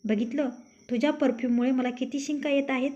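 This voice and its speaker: A woman's voice: high-pitched, fairly even intonation, fairly quick, dark tone, natural voice. A woman voicing a rude, arrogant young husband in a storybook tale, speaking in a taunting, scolding way. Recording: dull lo-fi recording.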